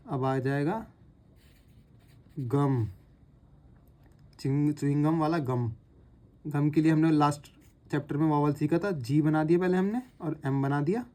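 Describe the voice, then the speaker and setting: Guy explaining shorthand strokes, drawing out the sounds, soft mellow tone. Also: mid-range voice. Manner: patient, repeats sounds slowly to show them. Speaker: shorthand teacher. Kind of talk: explaining step by step while writing.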